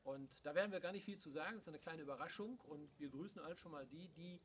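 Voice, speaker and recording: A man's voice: fairly high pitch, quick pace. A middle-aged man co-hosting a casual, unscripted video outdoors, talking to a camera a few metres away. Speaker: podcast co-host. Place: outdoors in a garden. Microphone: camera mic a few metres away. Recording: noisy outdoor camera recording from a distance.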